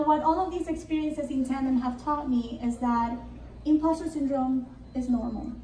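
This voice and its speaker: A young woman from Argentina, a native Spanish speaker, gives an earnest, reflective conference talk in a high, mellow voice. She sounds a little off the mic, and the hall around her is roomy and echoing. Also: recorded from a distance. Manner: earnest and reflective, with light laughs. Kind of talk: prepared motivational talk.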